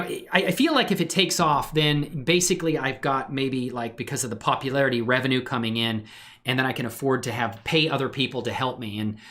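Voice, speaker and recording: This livestream host, a hobbyist 3D animator, chats casually with an enthusiastic, rambling, informal energy. His voice is mid-range and fairly bright, and music plays faintly behind him.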